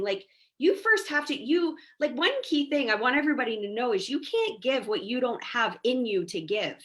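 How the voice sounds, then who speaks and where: A woman guest on a podcast, a mindset coach, telling stories in a chatty, animated way and often asking "right?". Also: a little high. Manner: chatty, animated storyteller, peppers speech with "like" and "right?". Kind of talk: casual podcast conversation.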